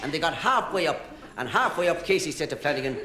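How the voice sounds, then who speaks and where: An Irish man tells jokes on stage, his voice swooping up and down as he chuckles at his own punchlines. His tone is bright and a little raised. The sound carries a roomy echo from a live venue. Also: fairly high pitch, lively intonation, fast. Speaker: comedian. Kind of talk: stand-up joke telling. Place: live show before an audience.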